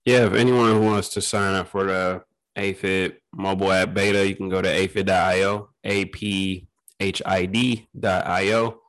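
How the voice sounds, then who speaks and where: A man appears as a podcast guest, chatting casually and telling stories in a loose, slangy way, often peppering his talk with "man." His voice is low and a bit bright, with a level tone and moderate pace. The audio quality is poor.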